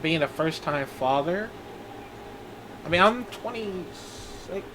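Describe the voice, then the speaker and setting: A man in his twenties talks slowly in a personal video diary, his voice pitched a little high. He halts often and starts his sentences over, rambling as he goes. A faint hum sits underneath. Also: expressive. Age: 20s. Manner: halting, rambling, full of restarts. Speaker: vlogger.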